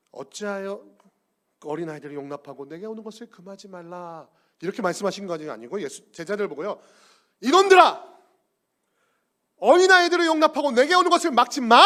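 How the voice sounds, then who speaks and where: A man preaching as pastor, who swells high and loud in fervent passages, then drops low, and acts out quoted lines. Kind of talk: sermon.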